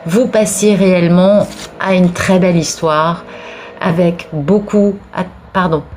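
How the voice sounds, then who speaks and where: With slight background noise behind her, a woman with a cold delivers a tarot reading for viewers at a measured pace, her fairly low voice a little mellow and fairly even in intonation. She sneezes, offers encouragement, and frequently restarts and repeats words.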